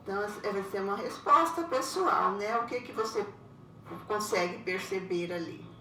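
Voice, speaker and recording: Woman teacher, unhurried, explains step by step for children, roomy recording with faint background noise. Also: medium pitch, expressive, pushed and bright, distant mic. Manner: patient, explains step by step, ends phrases with a tag question. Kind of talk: recorded lesson for young pupils.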